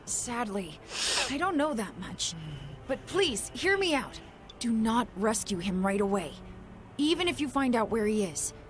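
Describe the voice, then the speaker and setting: A man's voice: very high voice, measured pace, a little hiss or hum, exaggerated voice. An actor playing a courteous, mysterious young male magician in a game dub. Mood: earnest. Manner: courteous, calm and formal. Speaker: game character.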